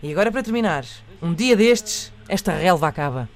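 A European Portuguese man hosts a comic radio quiz in a high, playful voice. He talks with mock-theatrical flair. Clear music plays behind him. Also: lively intonation, a little fast. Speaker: radio show host.

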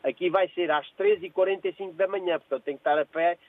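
A man's voice: high voice, fairly even intonation, fast, no room sound. An older man born in Angola, calling in from work to a radio show, chatting and often repeating himself. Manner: repeats phrases, hesitant restarts. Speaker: caller. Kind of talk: phone-in chat. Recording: tinny phone line.

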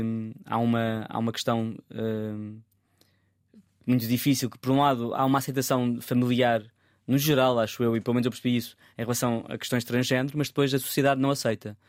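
Man, photographer guest, thoughtful, restarts and repeats words, mid pitch, dry close mic. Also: flat delivery, quick pace, no room sound. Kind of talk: casual interview.

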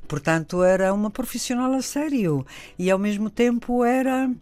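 An older woman from Italy with an Italian accent, telling stories as a radio interview guest in an animated, expansive way. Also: fairly high pitch, moderate pace.

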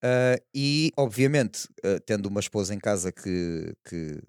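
A man with a European Portuguese accent speaks as a podcast panelist in relaxed conversation. His voice is fairly low and recorded very dry. He feels his way through sentences, hesitating and checking in as he goes. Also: measured pace, clean tone, no room sound. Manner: hesitant, meandering, tag questions. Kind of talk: casual chat.

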